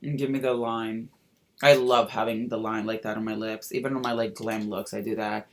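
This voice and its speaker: In a lowish voice with flat delivery and a moderate pace, a man playing a sassy drag queen chats casually through a get-ready-with-me makeup tutorial. The makeup vlogger and drag performer sprinkles in campy slang and exclamations.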